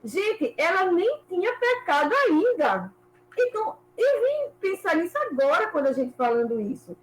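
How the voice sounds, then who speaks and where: A woman in a church book club, thinking aloud in an animated way about a passage over a video call. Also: extremely high pitch, moderate pace, low-quality recording. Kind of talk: casual group discussion. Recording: faint background noise.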